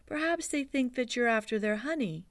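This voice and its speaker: Reader doing a kind, practical storybook boy: high, eager, bright. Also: lively intonation, moderate pace, no echo, studio quality, close to an everyday voice. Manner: bright, raised, eager questions.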